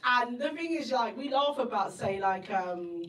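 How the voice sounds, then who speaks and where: This festival guest speaker, an Igbo-speaking woman in her 30s, has a high-leaning, animated voice and a measured pace. Telling stories in a lively interview, she chats, laughs often and acts out her inner voice, while the far-off mic picks up the roomy echo of the indoor event space.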